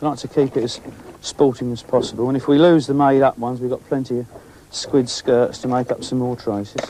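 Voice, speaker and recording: A man's voice: medium pitch, brisk, slight background noise. A middle-aged man hosting an angling show, chatting and commenting on the catch as he fishes from a boat at sea. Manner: chatty, excitable, talks while fishing. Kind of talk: casual on-location commentary.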